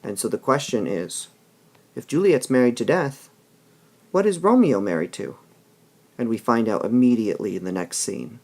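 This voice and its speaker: Speaking at a medium pitch, this man reads passages aloud during a literature lesson and pauses between them to ask "all right?" His explanations are patient throughout.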